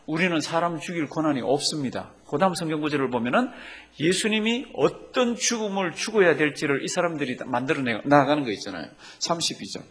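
Male pastor preaching, slightly raised pitch, emphatic with questions put to the congregation. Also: animated, fast talker. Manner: emphatic preaching, rising to loud calls when quoting scripture; asks the congregation questions and answers them himself. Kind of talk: sermon.

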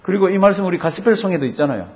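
A man's voice: sits high, expressive, racing, darkish tone. A male pastor preaching a sermon to his congregation, asking them rhetorical questions and drawing out the Bible verses he quotes.

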